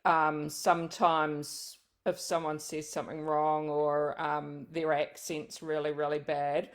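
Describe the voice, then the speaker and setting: A woman from New hosts a book club interview over a video call, softly encouraging her guest. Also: low-pitched, flat delivery, slow. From New Zealand. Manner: soft, encouraging listener with many mm's. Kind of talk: casual interview.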